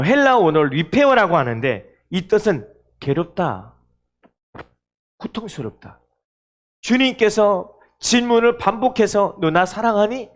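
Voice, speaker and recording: Animated male pastor preaching. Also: high voice. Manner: animated preaching, acting out quoted dialogue. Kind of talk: sermon.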